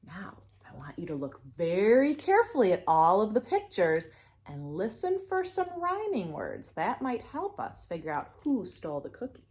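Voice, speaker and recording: Here a woman reads a children's picture book aloud in a lively, sing-song manner, occasionally pausing to prompt the young listeners. Her voice sits in the mid range.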